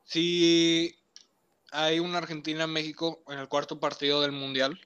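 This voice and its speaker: A man's voice: a little high, completely flat delivery, measured pace, a bit bright, clear, resonant tone. A young man with a Mexican accent, a podcast co-host in stubborn, teasing casual sports banter.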